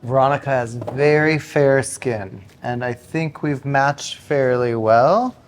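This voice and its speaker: Slow, calm male hairstylist explaining technique. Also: medium pitch, a little hiss or hum. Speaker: hairstylist and makeup artist. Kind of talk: step-by-step tutorial narration.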